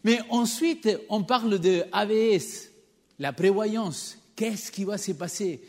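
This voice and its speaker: A man's voice: high-pitched, slow, darkish tone. A man with a noticeable accent preaching a sermon to his congregation in a church, engaging listeners with rhetorical questions. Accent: non-native French accent. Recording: long reverb of a church hall.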